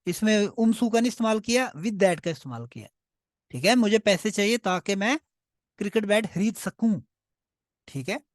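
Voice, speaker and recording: A man's voice: high-pitched, animated, moderate pace, dry recording. Punjabi accent guy teaching a class, keeps asking ok?, dry close sound. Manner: explains step by step, often checks "okay?". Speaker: German teacher. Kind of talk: language class explanation.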